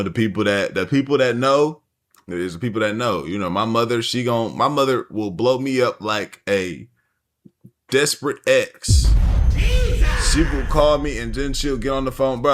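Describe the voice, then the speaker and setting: A man's voice: mid-range voice, moderate pace, fairly bright tone. A man streaming and reacting to a video, talking in a loose, rambling, slang-heavy casual way. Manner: slangy, loose and rambling, lots of "you feel me". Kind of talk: casual chat.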